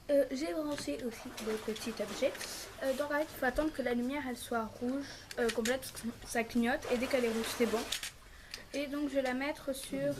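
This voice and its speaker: A woman's voice: high-pitched, background noise. A young woman vlogger chatting casually through a hair tutorial and product review, rambling with lots of fillers. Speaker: beauty vlogger. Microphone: built-in camera mic.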